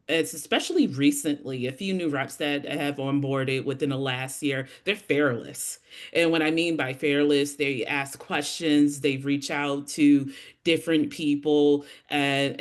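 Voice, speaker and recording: Saleswoman on a webinar call, lively, expressive, storytelling vibe. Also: deep voice. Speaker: sales rep. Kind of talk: webinar panel talk. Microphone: video call.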